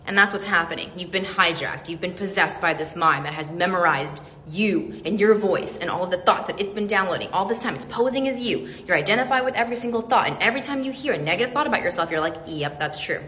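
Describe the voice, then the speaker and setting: A self-help speaker addresses the camera in a quick, casual motivational monologue, earnest and emphatic, with the occasional swear word for emphasis. Her medium-pitched, slightly bright voice barely pauses, and the recording carries long reverb and a faint background hiss.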